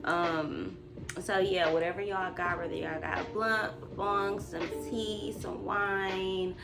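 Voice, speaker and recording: A woman's voice: mid-range voice, level tone, slow pace, gravelly. A woman in her twenties talking casually and confessionally to her viewers, informal and slangy, hesitating as she looks for words. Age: 20s. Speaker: vlog host. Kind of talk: casual confessional chat to camera. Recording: loud music behind the voice.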